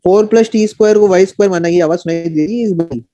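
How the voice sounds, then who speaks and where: A man's voice: high-pitched, very fast, warm tone, no room sound, soft background music. A male math teacher coaxing students through an online class, his voice breaking up and cutting out over a bad connection. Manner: coaxing, pushes students to work along. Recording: lo-fi, dull online call audio.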